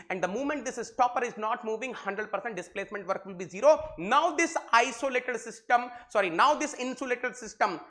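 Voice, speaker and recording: This man has a high-pitched, sharp voice and an Indian accent. He delivers a live online engineering lecture in a blend of Hindi and English, repeating his points and quizzing his students affectionately.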